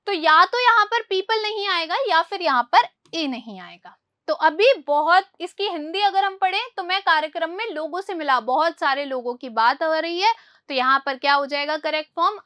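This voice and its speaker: A woman teaching English grammar, who asks questions and answers them herself, slowing down to read English example sentences. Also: very high voice, sharp tone, dry recording, studio quality. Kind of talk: spoken grammar lesson.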